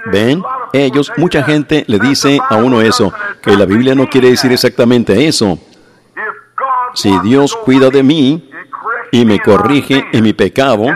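A man preaching a sermon to a congregation, often asking "¿ven?" and slowing down to stress his points. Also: medium pitch. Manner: keeps asking the audience "¿ven?"; slows down for emphasis.

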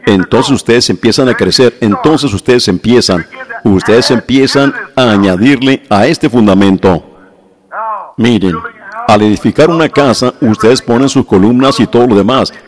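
A man's voice: medium pitch, normal speed. A man preaching a sermon to a congregation, often breaking off to ask the listeners whether they see his point. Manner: addresses the congregation directly with repeated questions.

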